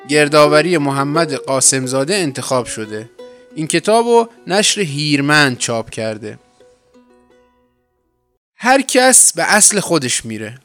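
A man narrating a folk tale for a podcast in a relaxed, colloquial storytelling manner. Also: a little high.

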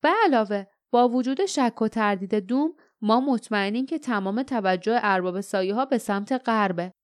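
A woman's voice: fairly high pitch, dry recording, studio quality, lightly acted. A woman voicing an impatient, wild young girl in an audiobook, speaking insistently.

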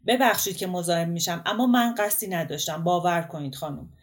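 A woman's voice: fairly low pitch, expressive, close to an everyday voice. A woman reading as a blunt, prickly man. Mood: apologetic. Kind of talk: audiobook character reading.

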